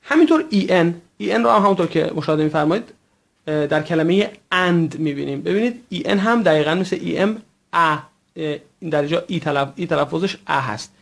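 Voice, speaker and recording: A man teaching French pronunciation, who speaks natively, patient and careful, stretching out words and repeating them slowly. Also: on the high side, animated, vocal fry. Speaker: language teacher. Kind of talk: recorded French pronunciation lesson.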